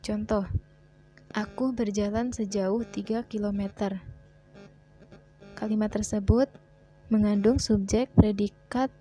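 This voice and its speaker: A woman teacher, reading a grammar lesson in a measured way and slowing down for example sentences. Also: medium pitch, steady tone, warm tone, soft background music. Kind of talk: scripted grammar lesson narration.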